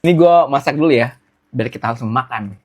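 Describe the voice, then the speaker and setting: A man's voice: medium pitch, normal speed. A man from Bandung chatting casually as a food vlogger while he eats soup. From Bandung, Indonesia. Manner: talks while eating soup. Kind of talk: casual mukbang vlog while eating. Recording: clearly noisy, with clicks. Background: background noise and clicks.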